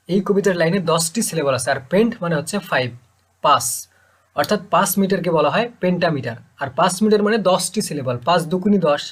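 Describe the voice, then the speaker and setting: A man's voice: high-pitched, slightly rough. A man teaching poetic meter, explaining patiently and repeating key points for his students. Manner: patient, repetitive explaining, addresses students informally. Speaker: literature teacher.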